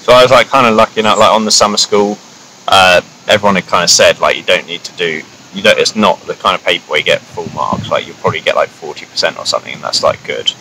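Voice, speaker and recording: A young man from New Zealand answers casually, rambling and padding with "like." His voice sits very low. He sits outdoors, with clear ambient noise behind him. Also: quick pace. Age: young adult. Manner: relaxed, rambling, fills with "like" and "kinda". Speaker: guest, engineering student. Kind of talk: casual interview. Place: outdoors in a grassy field.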